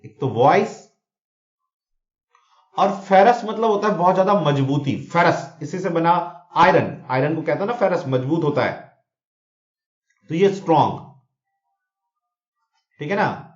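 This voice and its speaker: A man's voice: on the high side, big pitch swings, slow, long pauses. A man teaching vocabulary in a mix of Hindi and English, repeating words and checking in with students. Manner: explains with mnemonics, repeats words, frequent "theek hai na?" checks. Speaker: exam coaching teacher. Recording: echoey room, dull lo-fi sound.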